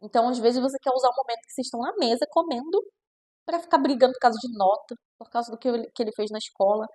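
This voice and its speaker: A woman's voice: fairly high pitch, rapid-fire, darkish tone. A woman with a Brazilian Portuguese accent, a child nutritionist talking casually to camera and adding chatty tag questions as she goes. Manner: chatty, with frequent "né?" tags; acts out quoted parents in shifting voices. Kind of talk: reflective casual talk to camera.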